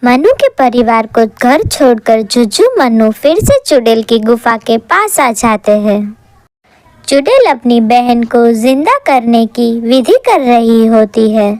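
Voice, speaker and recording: A woman narrating a cartoon horror story in a lively, scripted storytelling manner. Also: a little high, takes it slowly, no echo.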